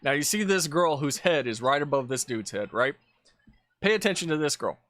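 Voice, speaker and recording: A man's voice: fairly high pitch, lively intonation, brisk, noisy background. A man giving casual commentary over video clips, blunt and profane, ranting with exasperation. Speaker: political commentator.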